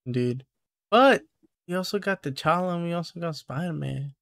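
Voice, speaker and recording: A man hosting a podcast, agreeing with his co-host and briskly listing links and plans in casual chat. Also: fairly high pitch, animated, vocal fry, a bit bright, no echo, clean studio sound.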